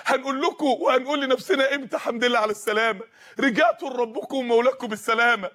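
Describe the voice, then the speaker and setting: A man's voice: extremely high pitch, racing, bright, forceful tone. A man with an Egyptian accent preaching an impassioned sermon, appealing to his listeners with repeated questions and a voice often close to tears. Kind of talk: emotional storytelling sermon.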